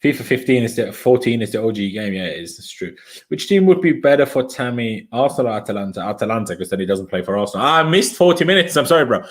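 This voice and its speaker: This young Austrian fan streamer speaks German as his first language and has an expressive, quick, mid-range voice. During his casual live match commentary he calls the play, shares strong opinions, and reads comments from viewers as they arrive.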